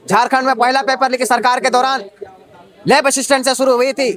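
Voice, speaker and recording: High-voiced young man protesting fast. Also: flat delivery, a bit bright. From Jharkhand. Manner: indignant, rapid, rhetorical questions. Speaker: protesting exam candidate. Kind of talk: impassioned street interview.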